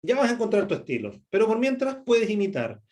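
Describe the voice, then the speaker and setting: Middle-aged Chilean male instructor, slightly high voice, chatty workshop delivery, constant check-ins and fillers. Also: huge pitch swings, a little fast, darkish tone. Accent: Chilean Spanish. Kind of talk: presentation skills workshop talk.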